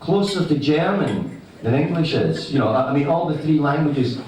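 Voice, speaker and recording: A man with a broad Scottish accent casually introducing a song at a live gig, talking in a halting, conversational way as a folk singer. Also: a little high, expressive, a little mellow. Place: live venue before an audience. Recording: very echoey live room, distant microphone.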